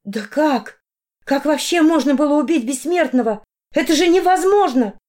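A woman's voice: high-pitched, animated, normal speed, darkish tone, voice pushed up. Woman voicing a fiery, tearful mother. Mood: pleading. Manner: pleading, agitated outbursts. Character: emotional middle-aged mother, tearful and fiery.

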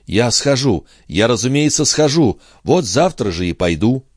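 A man's voice: medium pitch, sing-song, normal speed, dry recording, clean studio sound, pitched above the performer's own voice. A man doing a flustered young farmhand. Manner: flustered, eager to please. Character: awkward earnest big-handed young farmhand.

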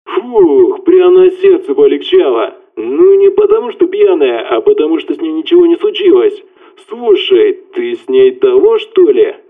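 A man doing a loud, rowdy buddy on a tinny phone line. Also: a little high, very animated, moderate pace, pitched above the performer's own voice. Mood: rowdy, chatty. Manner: blunt, rowdy, slangy.

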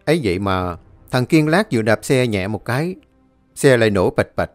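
A man narrating a ghost story in a lively, plain-spoken way. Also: on the low side, moderate pace, no echo, faint music behind.

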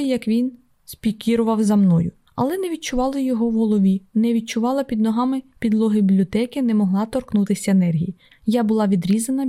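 A woman reads a novel aloud in the first person, keeping a steady, even storytelling delivery. Her voice sits fairly high but sounds mellow and warm rather than bright. It is an audiobook narration from start to finish.

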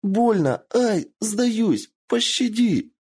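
Kitsune, a man voicing a shrill young fox girl. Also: expressive, very slow, darkish tone, slightly rough, full character voice. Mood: pained, begging. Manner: shrill squeals and whines. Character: giggly young female fox werewolf, squealing.

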